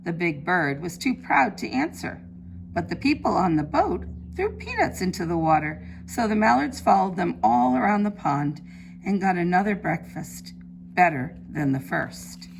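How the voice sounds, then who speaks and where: A woman preschool teacher reading a story aloud to young children in simple, deliberate phrases. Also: on the low side, big pitch swings, vocal fry, poor audio. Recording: faint background noise.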